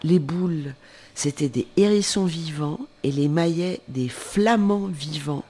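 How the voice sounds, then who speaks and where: Man, storybook reader, casual, informal asides, slightly high voice. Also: a little mellow. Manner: informal asides and self-corrections while reading. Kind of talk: casual reading of a children's book.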